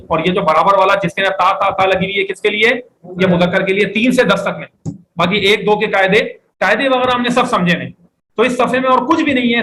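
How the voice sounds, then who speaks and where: Male classroom teacher with a high, bright voice. Explains step by step and quizzes the room. Faint background noise. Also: low-quality recording. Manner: explains step by step, often asks the class questions; reads Arabic phrases slowly for students to repeat. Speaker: Arabic teacher. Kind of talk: classroom lecture.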